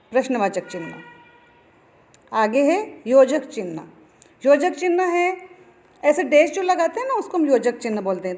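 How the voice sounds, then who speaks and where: A woman with a fairly high voice gives a lesson to children. She explains patiently, pausing over examples and asking if they follow. It sounds like a simple recording made on a phone. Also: a little mellow. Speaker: teacher. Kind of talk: classroom lesson.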